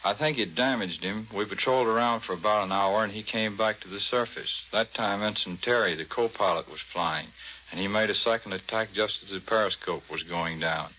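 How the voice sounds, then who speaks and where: A fairly low-pitched, brisk American man, the commander of a Navy patrol squadron, is interviewed from a script on 1940s radio. He keeps it modest and matter-of-fact, and the audio is muffled with a little noise.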